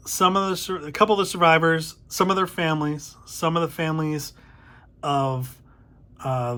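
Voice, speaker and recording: A middle-aged man hosting a casual spoken book review, thoughtful and a little hesitant, correcting himself as he goes. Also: fairly high pitch. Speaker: book reviewer, channel host.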